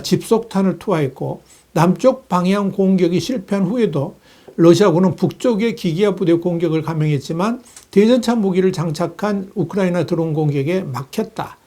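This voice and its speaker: A man delivering a steady, measured news analysis, reading reports with the occasional filler. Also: sits high. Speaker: news commentator.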